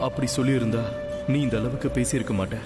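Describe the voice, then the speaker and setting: A man's voice: medium pitch, fairly even intonation, fast, natural voice. A man voicing a caring, remorseful father figure. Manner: gentle, coaxing, mixing English phrases into Tamil. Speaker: dubbing actor. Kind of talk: Tamil TV serial dub. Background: serial background music.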